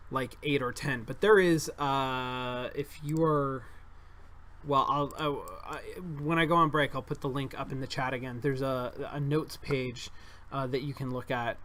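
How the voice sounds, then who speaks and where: A male streamer chatting casually while he plays a board game. His asides ramble and trail off into mumbles. His voice is bright and forceful at a middling pitch. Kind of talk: casual live-stream chat.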